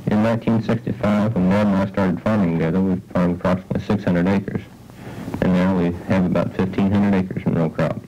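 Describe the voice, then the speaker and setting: Deep, mellow farmer from Indiana. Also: male voice, steady tone, brisk, slight background noise. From central Indiana. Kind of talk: casual interview answers. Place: living room, seated on a sofa. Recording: dull old film soundtrack.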